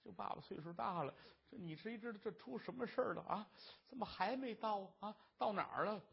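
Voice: medium pitch, brisk, creaky, breathy edge. A storyteller crying out as a distraught young wife. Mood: fretful. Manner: wailing, pleading. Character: grieving abducted young wife. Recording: dull lo-fi recording.

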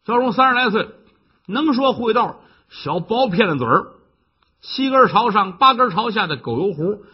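A man telling a traditional story, animated and acting out the characters' voices, on a dull lo-fi recording. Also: sits high, normal speed, husky.

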